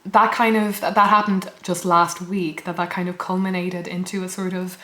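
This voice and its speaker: A young woman with a hoarse, partly lost voice, chatting reflectively and hesitantly in a rambling personal vlog recorded indoors. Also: lowish voice, little pitch movement, moderate pace, pushed and bright, roomy sound. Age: young adult. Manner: reflective, hesitant, self-correcting. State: hoarse from losing her voice. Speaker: student vlogger. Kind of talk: casual rambling vlog chat. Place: indoors in a flat.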